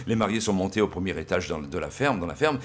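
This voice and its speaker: A man's voice: low-pitched, lively intonation, slight background noise. A man telling a rural joke at a comedy round table, stumbling over his words and restarting often. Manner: halting, many restarts, admits he cannot do accents.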